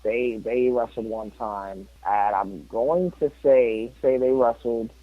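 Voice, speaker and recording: A man's voice: mid-range voice, takes it slowly, no room sound, phone-quality sound. A man co-hosting a podcast in casual chat, rambling with lots of fillers. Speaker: podcast co-host.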